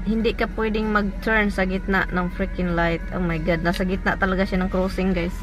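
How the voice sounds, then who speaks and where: Over music, a Filipino-accented woman vlogs from her car by phone, giggly and exclamatory as she casually mixes Tagalog and English. Her medium-pitched delivery is flat and brisk.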